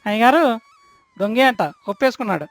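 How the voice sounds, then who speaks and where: A man voicing a shrill, eager servant who runs to tell his master everything in a cartoon story. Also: brisk. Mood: tattling. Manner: excited, shrill.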